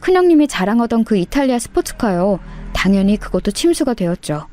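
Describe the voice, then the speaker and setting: A woman telling a scripted first-person story to listeners in a steady, confiding way. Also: a little high, brisk.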